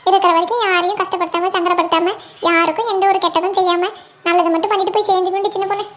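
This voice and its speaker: A woman's voice: very high voice, fairly even intonation, very fast, fairly bright tone. A woman voicing a fretful village mother in a comic cartoon, speaking with a pleading, moralizing manner. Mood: philosophical. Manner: pleading, moralizing, calls friend by nickname. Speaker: cartoon voice actor.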